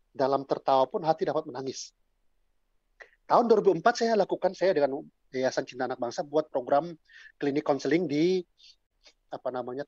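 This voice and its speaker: Rapid chatty male evangelist. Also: a little high, a little mellow, slightly rough, dry recording, muffled recording. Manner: chatty, colloquial, frequent fillers. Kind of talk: informal sermon talk.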